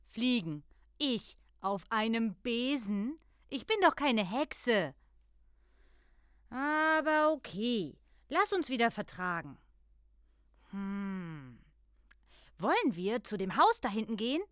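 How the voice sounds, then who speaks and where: A woman playing a lively, playful, easily spooked young girl in a children's audio drama. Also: a little high, takes it slowly, pauses often, clean tone, dry recording, clean studio sound, exaggerated voice. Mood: conciliatory.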